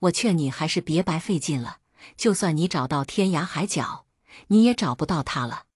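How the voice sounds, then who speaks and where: A woman's voice: fairly low pitch, big pitch swings, normal speed, slightly rough, dry recording, studio quality. A woman voicing a jealous, scheming young concubine who shifts from sweet coaxing to cold sneers. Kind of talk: storytelling voice acting.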